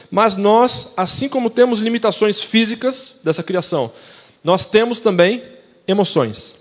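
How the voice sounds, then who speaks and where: In a church hall with a long reverb tail, a young man with a Brazilian Portuguese accent and a high-sitting voice preaches a casual sermon. He's conversational and slangy, chatting with the congregation and asking them questions.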